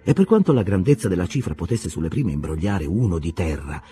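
A man narrating a classic novel as a scripted audiobook reading, telling it in an expressive, storytelling manner. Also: low-pitched, fairly quick, husky.

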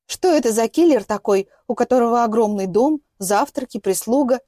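Woman doing young female captive, shrill and furious, audiobook. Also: expressive, moderate pace, no echo, studio quality. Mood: defiant. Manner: shouting, hysterical outbursts.

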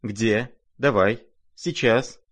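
A man voicing an irate, imperious older noblewoman who scolds in shrill, impatient outbursts. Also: very slow. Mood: scolding.

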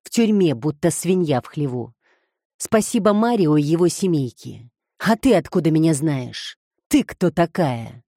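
A menacing male robber, fresh out of prison, who snaps short, curt orders, as a woman narrator plays him. His voice drops low and drags slowly. The recording is dry and close, like a storybook reading. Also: animated, warm tone, no room sound, exaggerated voice.

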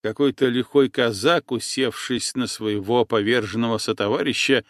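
A man narrating an audiobook in an expressive storytelling manner. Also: medium pitch, a little slow, no echo, studio quality. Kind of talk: audiobook reading.

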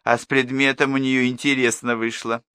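A man's voice: mid-range voice, flat delivery, moderate pace, bright, forceful tone, clear, resonant tone, no room sound, clean studio sound, pitched above the performer's own voice, lightly acted. A man voicing a friendly, chatty middle-aged mother who gossips with her neighbour. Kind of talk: audiobook character voice.

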